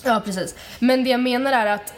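Chatty young woman co-hosting a podcast. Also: fairly high pitch. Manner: chatty, frank, swears freely, many fillers. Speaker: podcast co-host. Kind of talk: casual chat.

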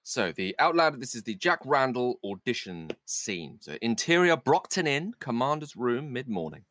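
A man's voice: mid-range voice, big pitch swings, normal speed, fairly bright tone, no echo, clean studio sound. A man reading stage directions in a script read-through, dropping in casual asides.

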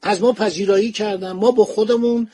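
Husky high-voiced man telling history. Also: steady tone, dark tone, no echo. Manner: anecdotal retelling, acts out quoted dialogue. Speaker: history podcast host. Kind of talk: casual storytelling lecture. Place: home study with bookshelves.

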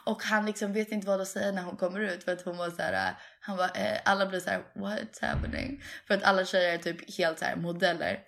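A woman's voice: fairly low pitch, few pauses. A young woman chatting casually with a friend and retelling a comedy film with plenty of energy. She slips between Swedish and English and jumps into little quoted voices as she goes. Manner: animated, mixes Swedish and English, acts out film scenes. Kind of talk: casual chat.

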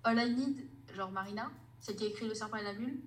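A woman's voice: medium pitch, fast, poor audio. A woman author as a podcast guest, rambling casually and often stopping to search for names.

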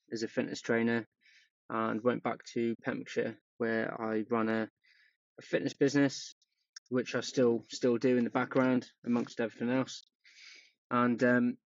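A man's voice: medium pitch, dry recording, dull audio. A man in his thirties from Wales, a performance coach talking casually as a podcast guest, with lots of ums and yeahs. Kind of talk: podcast interview.

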